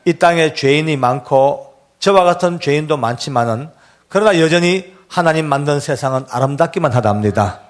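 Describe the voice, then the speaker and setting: A man quoting his son, a gentle young man on death row, in a soft and tender voice. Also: fairly high pitch, natural voice.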